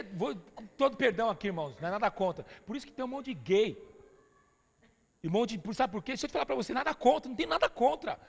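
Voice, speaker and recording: A man's voice: very high-pitched, vocal fry, in a large hall. A Brazilian man preaching a sermon as pastor, emphatic and familiar, calling his listeners "dear". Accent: Brazilian Portuguese.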